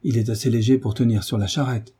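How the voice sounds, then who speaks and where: A man reading the part of a calm, grave tutor who gives firm, decisive orders. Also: mid-range voice, quick pace, husky. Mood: commanding. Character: calm, commanding male tutor in his prime.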